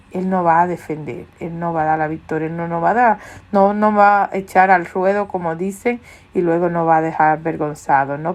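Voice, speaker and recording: An earnest woman preaching and telling her own story, with a fairly low voice for a woman. She acts out the voices in her story as she preaches. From Latin America. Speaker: ministry leader. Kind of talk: sermon-style testimony.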